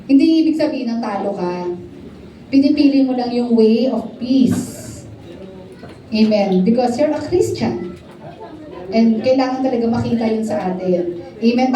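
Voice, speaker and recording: A woman pastor with a Filipino accent preaching a sermon, asking her listeners questions and reading scripture slowly. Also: sits high, dark tone. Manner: mixes English and Tagalog, asks the congregation questions; reads scripture slowly and deliberately. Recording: echoey hall, distant mic, faint noise.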